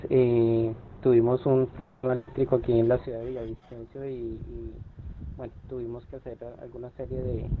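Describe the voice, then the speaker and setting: Guy moderating a webinar off his phone, bad choppy connection, tinny sound, lots of ums. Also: mid-range voice. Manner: hesitant, many fillers. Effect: bad phone connection, thin and breaking up. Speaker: moderator of an online seminar. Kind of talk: casual hosting over a video call. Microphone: cellphone on a video call. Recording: tinny phone line with faint noise.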